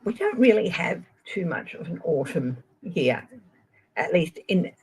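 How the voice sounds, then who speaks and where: Husky Australian woman reading tarot. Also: fairly low pitch, sing-song, measured pace, poor audio. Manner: gentle, chatty, addresses viewers by name. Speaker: tarot reader. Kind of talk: live-stream tarot reading.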